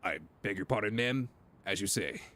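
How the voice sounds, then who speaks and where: A man doing a deep gruff obedient henchman. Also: normal speed, sharp tone. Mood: deferential. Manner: low formal, clipped replies. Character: deep-voiced gruff male underling, obedient.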